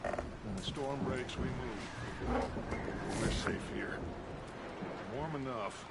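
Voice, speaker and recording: An actor playing a persuasive middle-aged outlaw gang leader in a video game, speaking in a measured, reassuring, rhetorical way. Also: male voice, medium pitch, vocal fry, very noisy. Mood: assured, persuasive. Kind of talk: video game dramatic acting.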